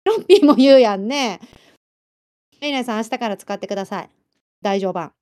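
A woman with a Kyushu accent chatting casually as a livestream host, lively and laughing often while answering viewer comments. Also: a little high, fast talker. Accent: Kyushu Japanese. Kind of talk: casual chat.

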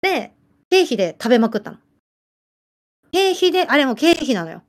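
A woman with a Kyushu accent chatting casually as a livestream host, lively and laughing often while answering viewer comments. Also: sits high, moderate pace. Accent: Kyushu Japanese. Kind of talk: casual chat.

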